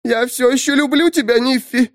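A man reading an audiobook, voicing a dazed, clingy undead young woman in a creaky, whining tone. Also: extremely high pitch, moderate pace, no echo, studio quality, voice pushed up. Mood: pleading. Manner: whining, plaintive.

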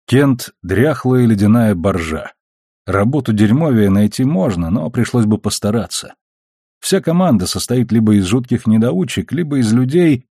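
A man with a low, husky voice reading the part of an earnest young male ship officer in an audiobook. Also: warm tone, dry recording, clean studio sound.

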